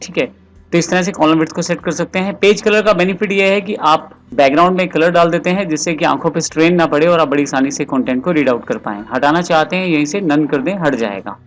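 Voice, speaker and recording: Narrating a screen-recorded software tutorial, a man walks the viewer through each step directly, speaking fast. His voice is a little high for a man, and faint music plays behind the desktop-mic voice-over.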